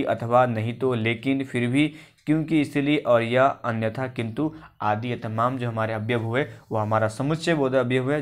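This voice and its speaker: A male teacher giving a grammar lesson for exam preparation. He explains step by step, often asks a question and then answers it himself. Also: medium pitch. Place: coaching class recording.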